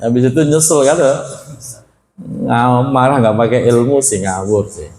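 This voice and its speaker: A man's voice: mid-range voice, a little mellow, roomy sound, slight background noise. Man giving an Islamic study lecture. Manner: conversational, addresses audience as Pak; reads Arabic phrases slowly, then explains them. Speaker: Quran study teacher.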